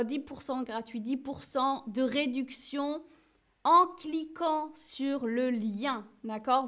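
A woman teaching French on a live stream, speaking slowly and clearly, checking in often and reading viewers' chat messages aloud. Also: high-pitched, fairly bright tone. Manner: slow, clear, patient teaching with frequent checks. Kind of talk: live-streamed language lesson.

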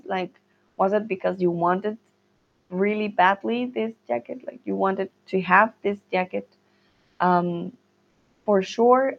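A woman teaching a live-stream Spanish lesson, reading viewers' comments aloud and answering each one with encouragement. She talks slowly and patiently in a mid-range voice, and the stream audio sounds dull and lo-fi. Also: medium pitch, gravelly.

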